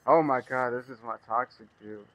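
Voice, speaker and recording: A man giving casual, rambling commentary while he plays a video game, chatty and quick to laugh at his own jokes. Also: medium pitch, fairly bright tone, no echo, low-quality recording. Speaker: gaming streamer.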